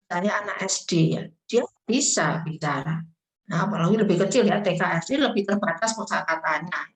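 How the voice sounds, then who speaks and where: A woman's voice: fairly low pitch, brisk. A woman giving a webinar lecture over a video call, explaining patiently and often checking in with the listeners as she goes. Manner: explanatory, frequent tag questions and fillers. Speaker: webinar speaker on trauma. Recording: echoey room.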